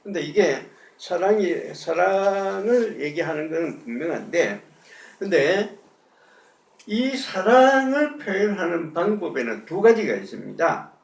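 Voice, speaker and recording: A man's voice: high voice, very animated, measured pace, creaky, reverberant, far from the mic. A male pastor giving a conversational sermon, asking the congregation rhetorical questions. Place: church sanctuary.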